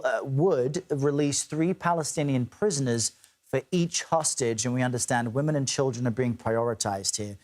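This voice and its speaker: A man with a medium-pitched voice anchors a live news interview. His delivery is measured and formal as he frames questions for a guest. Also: a little mellow.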